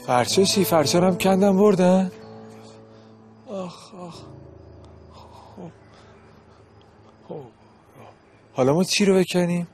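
An actor plays a meek sitcom brother-in-law who keeps pleading for calm. His voice is fairly high, with faint music under the scene. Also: pauses often, close to an everyday voice. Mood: placating. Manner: pleading, placating. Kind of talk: TV sitcom acting.

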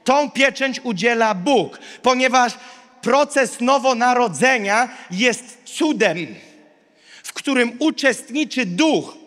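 Preaching slowly in a very high, slightly bright voice, a pastor in his thirties addresses a large live congregation from an indoor auditorium stage. His emphatic, declarative sermon leans on repeated short phrases, and his handheld microphone sends it echoing through the hall with long reverb.

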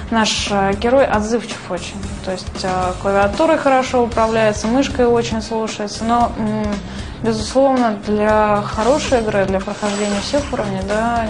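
A young woman giving casual, spontaneous commentary on a game in short, halting phrases. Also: mid-range voice, fairly even intonation. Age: young adult. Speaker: martial artist reviewing a game. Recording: loud music behind.

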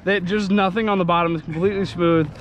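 A man's voice: high-pitched, fairly even intonation, quick pace, muffled recording, a crowd in the background. A young man filming himself at an outdoor skatepark on an action camera, chatting casually, swearing and laughing at himself. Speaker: scooter rider filming himself. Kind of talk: casual self-filmed vlog commentary. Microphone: action camera on handlebars. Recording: noisy outdoor camera audio.

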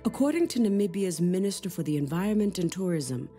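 Low-voiced woman narrating a nature documentary over music. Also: animated, quick pace, warm tone.

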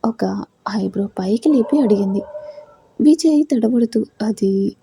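A woman narrating a romantic audio story in an expressive, dramatic storytelling manner. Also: mid-range voice, moderate pace, a little hiss or hum.

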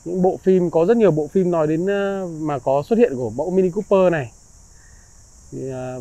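A man presents a used car in a slick salesman's patter. His voice sits a little high and is recorded dry and close. He stays polite and reassuring, full of praise for what he is selling. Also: a little mellow, dry recording. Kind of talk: car walkaround sales pitch. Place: outdoors beside and inside a parked car.

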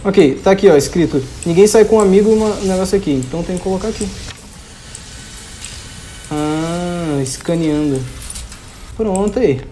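A woman's voice: on the low side, dark tone, slight background noise. A young Brazilian woman commentating a horror game, panicking in bursts and repeating exclamations. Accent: Brazilian Portuguese. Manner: jumpy, panicky outbursts, rapid repeated exclamations. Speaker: gaming youtuber.

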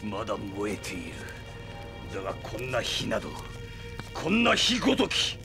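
A man's voice: lowish voice, huge pitch swings, moderate pace. An actor playing a cruel, megalomaniac vampire villain in a Japanese audio drama, theatrical and gloating, drawing out his menace. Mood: desperate scheming. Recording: music bed under the voice.

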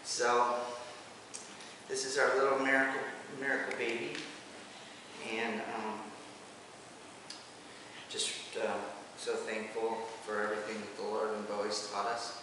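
In a low, steady voice that halts with emotion, a father shares his personal testimony at home. The sound, picked up from a distance, has the quality of vintage camcorder audio: a spacious room, long lingering reverb, and a faint hiss.

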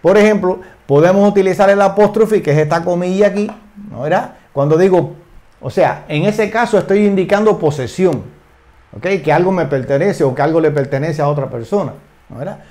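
A man's voice: sits high, dark tone. Older man teaching English in Spanish. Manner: repeats phrases, frequent tag questions, slow careful English examples. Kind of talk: explaining English lesson in Spanish.

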